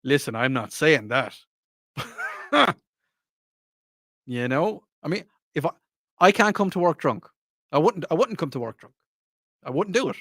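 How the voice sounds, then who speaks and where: This is a very animated Irish man with a fairly high, slightly bright voice, speaking at a measured pace with long pauses. He's hosting a talk radio show, rambling through a casual monologue, repeating himself, mocking, and laughing often. The studio sound is clean with no echo.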